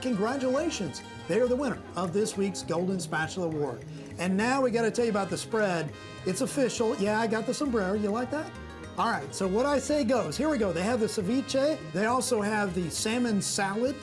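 A man's voice: high-pitched, lively intonation, a little fast, over music. A young man reporting restaurant inspection scores on location for local TV news, upbeat and pushing for answers. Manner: upbeat, confronting.

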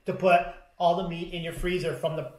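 Casting: man, 30s, high-ish voice, practical homestead co-host, casual chat, echoey kitchen. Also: steady tone, a little fast, darkish tone. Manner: practical, talks through costs, hands moving. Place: home kitchen, indoors. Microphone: camera across the table.

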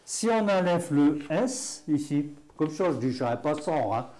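A man's voice: fairly high pitch, animated, measured pace, mellow, faint music behind. A man with a Picard accent teaching patois words in a folksy, chatty way, full of fillers and chuckles. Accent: Picard (Hainaut). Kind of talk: casual spoken lesson.

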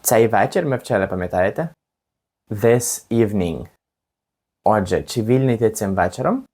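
A male teacher leads a beginner language lesson with calm patience, slowing down to repeat each phrase so a learner can follow. His voice rises and falls in a lively, animated way as he guides the learner through each drill. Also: lowish voice, husky.

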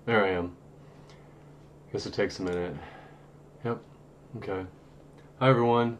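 Low-voiced man rambling on a live stream. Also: fairly even intonation, unhurried, slight background noise. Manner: rambling, many fillers and restarts. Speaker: host of a paranormal live stream. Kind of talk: casual live-stream chat. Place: home studio.

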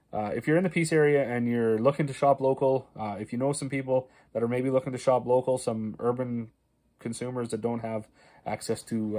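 This medium-pitched man is a Canadian farmer in his thirties who vlogs, speaking into a phone camera at arm's length inside a small paneled room. It's a casual talking-head explainer: conversational and rambling, with lots of fillers and restarts and emphasis on prices.

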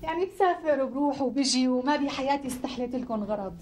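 An actress playing a polite, apologetic young doctor who speaks with a Syrian Arabic accent in a TV sitcom. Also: female voice, sits high, animated, fast talker, a little mellow, slight background noise. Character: polite young female doctor, sheepish gift-giver. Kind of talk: TV sitcom acting.

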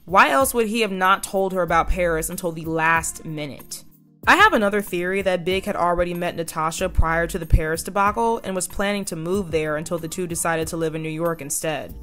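A woman's voice: fairly low pitch, brisk, fairly bright tone, soft background music. A young woman in her twenties narrating a video essay with sardonic, opinionated commentary.

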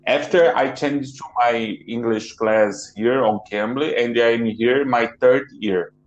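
A man's voice: mid-range voice, unhurried. A man in his thirties from Brazil with a Brazilian accent, a Portuguese speaker working through English in a hesitant way, searching for words and correcting himself on a webcam in a home office. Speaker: English learner and channel host. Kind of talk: casual video call chat. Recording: dull, roomy webcam audio.

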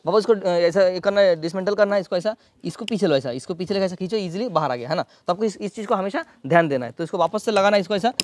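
A man casually reviewing and demonstrating a pressure washer, explaining each step quickly as he handles it. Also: high voice, darkish tone, no echo. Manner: rapid, hands-on explaining while demonstrating. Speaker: product reviewer. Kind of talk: casual product demo and review.

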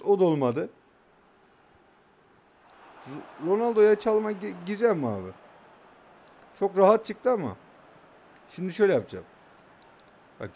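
A man's voice: sits high, dark tone. A young man casually commentating his own football video game match, calling out passes and trash-talking his opponent.

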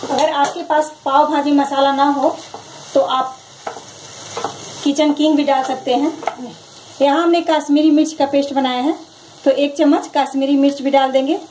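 A woman hosting her own cooking channel, calmly walking through a recipe step by step in her home kitchen. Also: high-pitched, moderate pace, pauses often, slight background noise, poor audio. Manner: calm, instructive, repeats each step. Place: home kitchen, over frying sounds.

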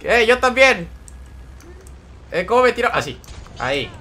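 A man's voice: high-pitched, very animated, measured pace, pushed and bright, a little hiss or hum. A young man streaming a game live, chatting with viewers, greeting them by name and reading the chat aloud. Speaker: gaming streamer.

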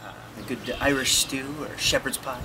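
A man in his forties from Wisconsin, presenting to camera in a jokey, energetic way and chatting with a dog owner outdoors. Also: mid-range voice. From Wisconsin, USA. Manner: jokey, energetic, quick to laugh. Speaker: host audition. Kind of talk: upbeat to-camera presenting and casual interview. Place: outdoors by a cornfield and a farmhouse yard. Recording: outdoor camera audio with background noise.

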